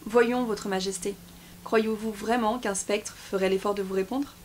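A woman voicing a calm young male magician who speaks in a measured, reassuring way, reading from a novel. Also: medium pitch, a little hiss or hum, natural voice.

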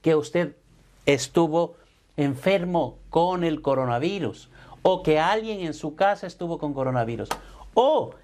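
In a home studio office with a brick wall, a middle-aged tax advisor and business coach sits at his desk with a lapel mic and explains to camera. His fairly high, animated voice has a darkish tone; he is deliberate and emphatic, speaks to the viewer as "usted," and mixes English terms into his Spanish.

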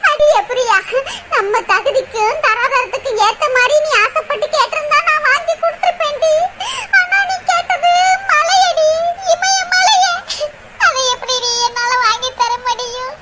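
A woman's voice: very high-pitched, unhurried, soft background music, full character voice. Woman doing a motherly scolding elder sister. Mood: firm. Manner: scolding yet tender, half-laughing through sorrow. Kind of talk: cartoon voice acting. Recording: loud background noise.

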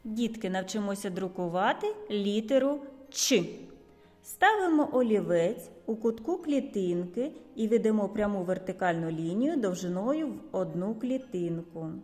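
A woman teaching young children a reading lesson, sounding out letters slowly and carefully. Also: mid-range voice, lively intonation, darkish tone, faint music behind. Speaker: preschool teacher.

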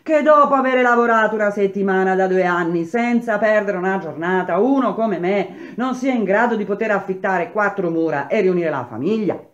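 An indignant country laborer who pleads for fairness, earnest and a touch high, as a man reads him aloud. The voice is pitched somewhat up. The sound is muffled and lo-fi. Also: moderate pace, darkish tone, close to an everyday voice. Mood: pleading.

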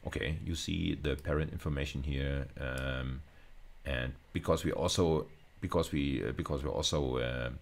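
A middle-aged university teacher gives an informal lecture in an extremely low, creaky voice, keeping a steady tone at a moderate pace. He explains things step by step, often rephrasing as he thinks aloud.

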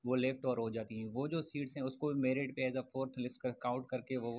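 A man with a mid-range, darkish voice speaks quickly and fairly evenly as he updates his viewers on student admissions. He's an education YouTuber talking informally to camera, explaining things loosely with lots of fillers and restarts.

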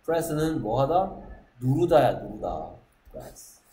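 A man's voice: mid-range voice, very animated, extremely slow, warm tone, a little hiss or hum. Man, middle-aged teacher, classroom lecture, repeats words, quizzes students, echoey room, faint ambience. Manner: repeats words, asks rhetorical questions. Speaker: middle school English teacher.

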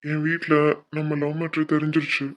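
A woman's voice: low voice, completely flat delivery, moderate pace, lo-fi sound, voice pushed down, lightly acted. A woman doing a desperate young lover, pushy and dramatic. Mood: earnest. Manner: pleading, pressuring, melodramatic.

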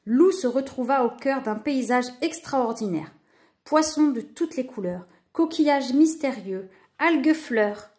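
A woman narrating a children's storybook with lively, expressive reading. Her voice sits a touch high for a woman. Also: unhurried.

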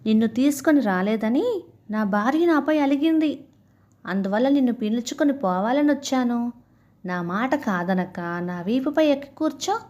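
A woman's voice: fairly high pitch, lively intonation, normal speed, a little mellow, lightly acted. A woman reading a storybook aloud, voicing a scheming male crocodile who sweet-talks his friend. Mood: coaxing. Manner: coaxing, sweet-talking. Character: scheming male crocodile, sly, fawning husband.

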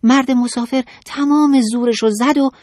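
A woman narrating a children's audiobook in an expressive, dramatic storytelling manner. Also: high-pitched, dry recording, studio quality.

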